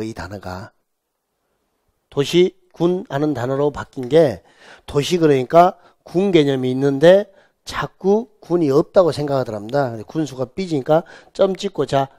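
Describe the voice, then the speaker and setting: A man teaching real estate law for an exam course. He drills students with questions and has them repeat terms back, stretching key words out slowly. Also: mid-range voice, dark tone. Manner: drills students with call-and-response repetition. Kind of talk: exam prep lecture.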